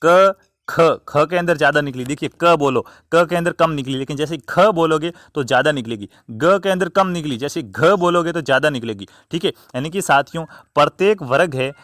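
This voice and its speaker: A man's voice: a little high, brisk, few pauses, a bit bright, dry recording, studio quality. A man teaching a lesson, asking questions and answering them himself, repeating key terms and stretching them out for emphasis. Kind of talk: classroom lesson on grammar.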